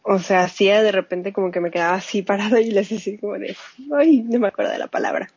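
Her husky, mid-range voice moves fast with no room sound as she chats casually in an interview. She's a scientist and mother, a native Spanish speaker, who tells lively stories and quotes herself. Audio quality is dry, muffled and lo-fi.

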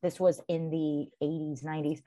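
A woman's voice: low-pitched, little pitch movement, dark tone, dry recording. Woman from Costa Rica telling her story. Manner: measured storytelling with occasional fillers. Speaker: guest, venture capital founder. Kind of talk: interview answers.

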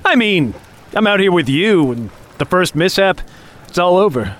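In a dramatic audio story, a man plays a younger office underling out on a hunt, keeping up a falsely chummy act while he needles, taunts and menaces his companion. His voice sits high and very animated, at a normal speed, with a fairly bright tone. There's a little hiss or hum on the recording.

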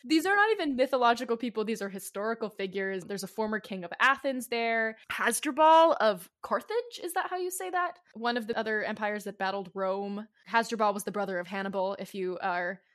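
A woman's voice: fairly high pitch, lively intonation, a little fast, few pauses, fairly bright tone. A woman in her twenties co-hosting a casual book-club podcast, explaining points in a chatty way with jokey asides. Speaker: podcast co-host.

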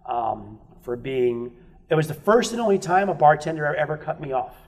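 A frank man with a higher voice tells a story expressively at normal speed. A guest musician in casual chat, he shares candid stories, swears freely and acts out the voices of those he quotes.

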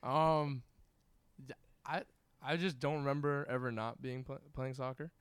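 A young American man with a clean, smooth voice of average pitch gives casual interview answers as a college athlete. The locker-room recording is dry and close-sounding. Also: fairly even intonation, measured pace, no room sound. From New York. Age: young adult. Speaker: college soccer goalkeeper being interviewed. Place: indoors in a team locker room.

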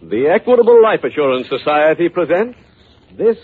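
A man's voice: a little high, sing-song, moderate pace, a little hiss or hum. A man announcing a sponsored radio crime drama in formal, emphatic 1950s announcer style, heard from an old broadcast disc. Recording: tinny, narrow old radio transcription with music.

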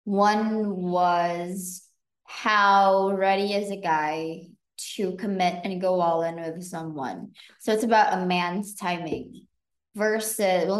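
A woman hosting a podcast in casual chat, thinking aloud with relaxed fillers. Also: medium pitch. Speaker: podcast host. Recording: echoey room.

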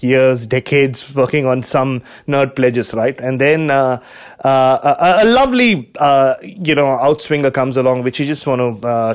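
A man with an Indian accent co-hosting a casual podcast, rambling hesitantly and playfully. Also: mid-range voice. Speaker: podcast co-host. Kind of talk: casual chat.

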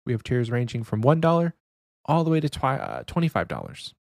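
A man's voice: mid-range voice, huge pitch swings, a little fast, gravelly, no echo, clean studio sound. A young adult man co-hosting a podcast in casual chat, keeping his voice down. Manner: talking quietly to avoid waking someone. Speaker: podcast co-host.

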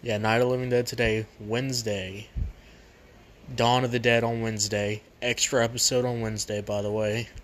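Man rambling flatly on a cheap mic. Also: medium pitch, normal speed. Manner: rambling, repetitive. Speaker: movie review show host. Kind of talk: casual unscripted review commentary. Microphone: poor makeshift microphone. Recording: cheap makeshift mic, noisy background.

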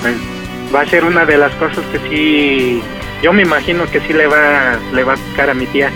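A man's voice: on the high side, normal speed, music in the background. A man in his early thirties with a Mexican accent, chatting casually and hesitantly as a radio caller. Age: early 30s. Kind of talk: casual phone chat.

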